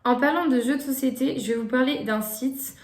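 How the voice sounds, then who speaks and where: A young woman chats to her camera about gift ideas, hesitating often and filling the talk with fillers and restarts. Her voice sits high and she speaks fairly quickly, in an echoey room.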